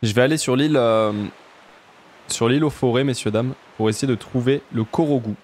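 A man with a southern French accent, chatting casually and jokily while playing a game, often jumping up in pitch for emphasis. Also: brisk, a little mellow, slight background noise. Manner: chatty, jokey, jumps to high pitch for emphasis. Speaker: let's play streamer. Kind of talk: casual gameplay commentary.

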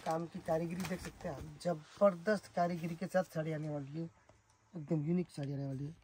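Emphatic saree seller. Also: male voice, fairly high pitch, steady tone, fairly quick, darkish tone, husky, poor audio. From Rajasthan, India. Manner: emphatic, repetitive praise of the goods. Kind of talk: sales pitch showing products.

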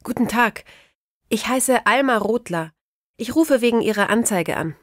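A woman playing a polite, interested job applicant in a language-course dialogue, articulating clearly. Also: on the high side, animated, normal speed, dry recording, studio quality, natural voice.

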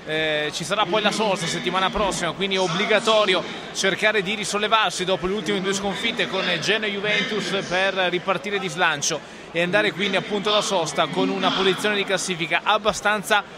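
Male football commentator, breathless and partisan, high voice, over clear stadium crowd noise. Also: fairly quick. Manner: breathless, excited, partisan, repeats players' names. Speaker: football play-by-play commentator for a club channel.

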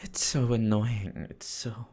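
A man's voice: fairly low pitch, fairly even intonation, slow, darkish tone, husky. A man voicing a sly, cheerfully cruel male demon lord in a whispered role-play, talking in a sing-song, mocking way that keeps drifting into whispers. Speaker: voice actor.

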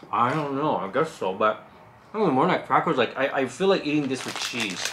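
A woman's voice: rumbling low, very animated, moderate pace, background noise. A woman hosting a food review, chatting casually and thinking aloud while tasting snacks.

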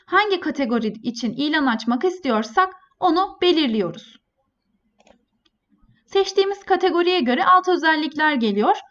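High-pitched woman, polite customer service voice. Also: a bit bright. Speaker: software tutorial presenter. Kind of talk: scripted step-by-step tutorial narration. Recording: dull, lo-fi voice-over.

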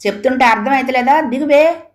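A woman voicing a rough, taunting male thug in a story reading. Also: sits high, fairly quick, voice pushed up, close to an everyday voice. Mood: threatening. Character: crude menacing male thug.

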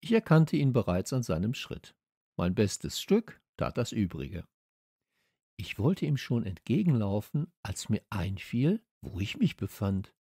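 A man reading a children's audiobook as a first-person narrator, with expressive storytelling. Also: on the low side, unhurried, slightly rough, no echo, clean studio sound. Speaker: audiobook reader. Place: studio.

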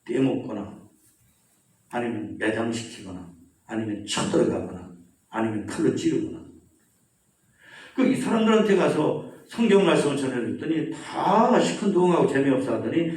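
Recorded by a distant mic in an echoey church hall, a man with a mid-range voice delivers a sermon at a moderate pace. The pastor mixes animated storytelling with questions to the congregation.

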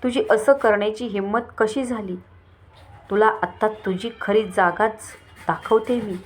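Woman reading as a scornful shouting rival woman. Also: medium pitch, a little slow, lightly acted. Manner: shouting, contemptuous.

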